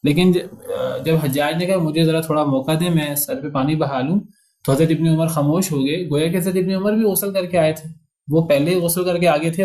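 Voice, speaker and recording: A man's voice: on the high side, a little mellow, roomy sound. A man teaching a religious lecture. He reads short Arabic passages and explains each word in turn. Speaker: hadith teacher.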